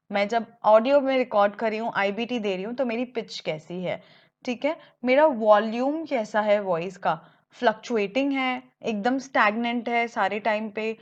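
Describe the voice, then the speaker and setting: A woman with a slightly high voice teaches exam speaking skills in a measured, explanatory lesson. She slows down to press on important points. The recording is somewhat muffled and lo-fi. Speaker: English exam coach. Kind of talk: Hindi-English mixed lesson.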